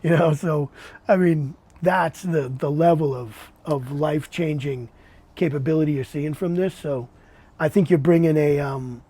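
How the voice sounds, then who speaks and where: A man hosting a podcast interview, chatting in a relaxed way, often repeating words and calling his guest "man". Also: a little high, unhurried, slightly rough. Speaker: podcast host. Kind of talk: casual interview chat.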